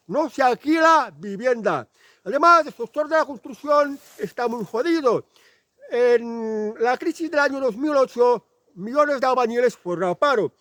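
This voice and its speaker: A man with a Spanish accent from Spain gives an indignant, emphatic monologue, driving each point home by repeating it. His voice sits very high for a man. It is recorded dry and close, with no room sound at all. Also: a bit bright, no echo. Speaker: channel host. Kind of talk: opinion monologue.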